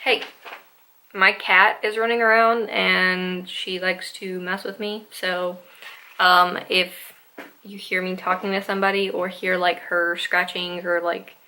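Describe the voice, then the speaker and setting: Bright-voiced young woman rambling casually. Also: on the low side, little pitch movement, slow, poor audio. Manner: rambling, hesitant, full of ums and likes. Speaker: vlogger. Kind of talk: casual eating-show chat. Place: home room with a Christmas tree.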